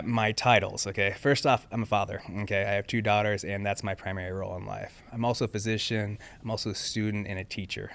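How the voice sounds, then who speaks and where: Fast-talking man, emphatic physician. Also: on the low side. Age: 40s. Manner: emphatic, peppers speech with "okay?". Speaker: podcast guest, family physician. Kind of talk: casual interview talk.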